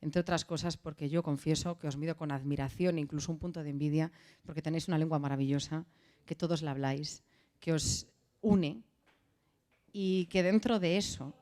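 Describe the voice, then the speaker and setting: A woman's voice: low-pitched, fairly quick, warm tone. A woman from Galicia speaking as a panelist in a round-table debate, earnest and repeating phrases for emphasis. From Galicia, Spain.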